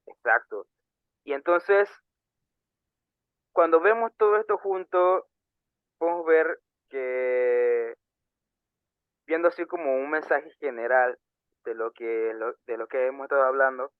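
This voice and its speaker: A young man co-hosting a casual podcast, earnest and halting, with many fillers and restarts. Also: medium pitch, clear, resonant tone, dry recording. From Panama. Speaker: podcast co-host. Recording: tinny phone-like sound.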